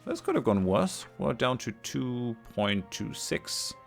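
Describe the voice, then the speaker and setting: Soft background music accompanies a man's slow, creaky, mid-range voice with big pitch swings. He's a let's play host giving casual commentary on a strategy game, thinking aloud with hesitation, fillers and restarts as his voice tires.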